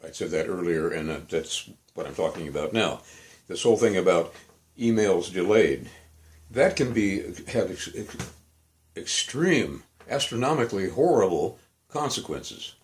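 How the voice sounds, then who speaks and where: An older man with a deep voice rants animatedly at a measured pace for his video blog. His complaint wanders off on tangents and stays emphatic, and he often corrects himself mid-sentence.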